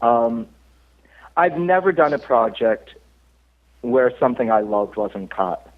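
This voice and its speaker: A male actor, a guest on an interview show, telling stories in relaxed chat, laughing often and stopping on many fillers. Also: mid-range voice, slow. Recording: tinny phone line.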